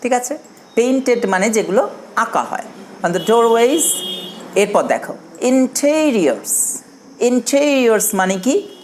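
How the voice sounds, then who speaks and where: Slow-spoken woman teacher. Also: fairly high pitch, sing-song, a little mellow, a little hiss or hum. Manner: slow, spells words out letter by letter. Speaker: primary school teacher. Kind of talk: classroom English lesson.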